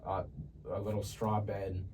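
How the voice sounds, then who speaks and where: A young man from Ethiopia talks through his life story as a podcast guest, relaxed and chatty and quick to laugh. His voice sits very low. He is a little far from the mic, with a faint hum of ambience behind him. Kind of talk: casual testimony.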